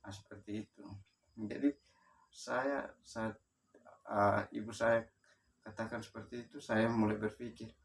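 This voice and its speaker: A man from Sumba in eastern Indonesia tells his own life story, speaking haltingly with frequent pauses and restarts. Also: fairly low pitch, little pitch movement, creaky, recorded from a distance. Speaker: motivational speaker. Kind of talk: personal life story told to camera.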